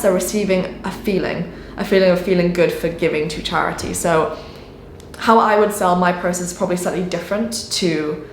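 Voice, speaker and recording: Woman giving sales tips to camera, chatty and expressive, voice jumping up and down a lot, bit of room echo. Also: slight background noise. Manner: expressive, shifts pitch and energy often. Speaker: sales coach vlogger. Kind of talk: casual explanatory talk to camera. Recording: echoey room.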